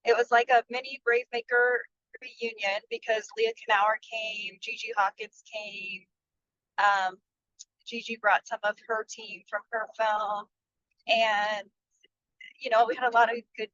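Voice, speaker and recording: A woman's voice: a little high, level tone, measured pace, a bit bright, dry recording. A woman filmmaker chatting on a video call over her car speakerphone while driving on the freeway, chatty and rambling. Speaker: filmmaker and producer. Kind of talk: casual video-call chat. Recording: dull lo-fi speakerphone line from a moving car.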